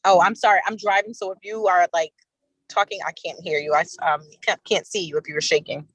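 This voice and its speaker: A woman joins a committee meeting call on a car speakerphone while she drives, speaking hesitantly with many fillers and restarts in a casual discussion. Her voice is fairly low, slightly rough and fairly even, a little fast, and the dry speakerphone audio is rough with no echo.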